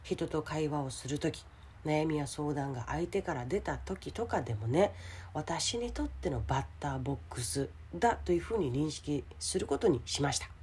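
A woman with a hoarse, gravelly voice gives a casual motivational solo talk as a radio host, speaking directly to the listener. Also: low-pitched, expressive, moderate pace, a little hiss or hum. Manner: addresses the listener directly with questions and soft sentence-ending particles. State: hoarse today.

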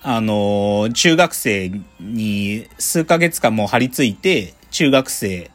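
A male radio host chats casually and rambles from one point to the next. His voice swings lively in pitch, and his speech is full of loose, colloquial filler words. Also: takes it slowly.

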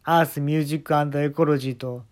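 Smug male fortune teller, voiced by a man, loud, slow, condescending. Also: on the high side, steady tone, close to an everyday voice. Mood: boastful.

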